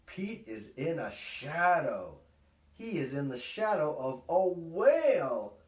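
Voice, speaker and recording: This is a slow picture-book read-aloud for little ones, led by a father as storytime host. His simple, deliberate phrasing rides on lively pitch changes, and since he's somewhat distant from the microphone in a small indoor room at home, the camera picks up a roomy, echoing sound.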